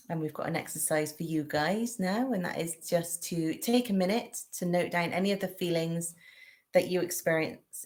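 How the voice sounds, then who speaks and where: A woman with a Bristol accent co-hosting a relaxed teaching talk on relationships, gentle and matter-of-fact. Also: low voice. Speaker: co-host. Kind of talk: casual teaching chat.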